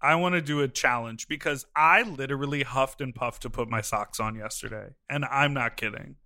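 A man's voice: mid-range voice, moderate pace, sharp tone. A man in his thirties co-hosting a podcast in casual chat, campy and exclaiming. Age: 30s. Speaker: podcast co-host.

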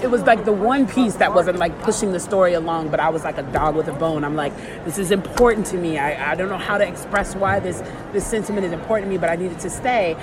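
Interviewed as an author, a woman with a lowish voice tells animated, casual stories quickly and with few pauses, emphatically acting out what people said. Crowd chatter and clear urban noise fill the background.

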